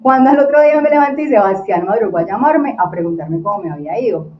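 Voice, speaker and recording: A woman, a podcast guest telling her own story in a casual, lively way and acting out what people said to her. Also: medium pitch, fast talker, echoey room. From Colombia. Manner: lively, acts out quoted dialogue. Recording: dull lo-fi recording with faint noise.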